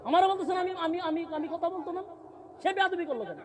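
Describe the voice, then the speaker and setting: Male preacher, high pitch, heated scolding manner, speaking at an outdoor sermon gathering, faint background noise. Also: expressive, very fast. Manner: giving orders to the sound operator.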